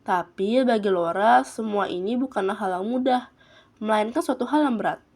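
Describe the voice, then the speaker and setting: A teenage girl, a student, narrating a short story in a steady, plain reading voice. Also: medium pitch, moderate pace. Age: teens. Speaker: student reader.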